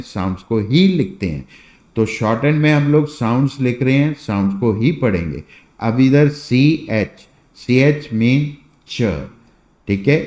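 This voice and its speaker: A man's voice: mid-range voice, darkish tone, reverberant. A man teaching shorthand in a classroom lesson, explaining step by step and answering his own questions, mixing Hindi with English words.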